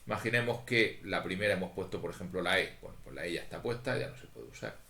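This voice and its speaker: A very low-voiced man talks through a statistics exercise at an unhurried, methodical pace. His voice bounces around an echoey room. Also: sharp tone. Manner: methodical, thinks aloud, talks to students. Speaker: statistics teacher. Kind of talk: recorded lecture walking through exercises.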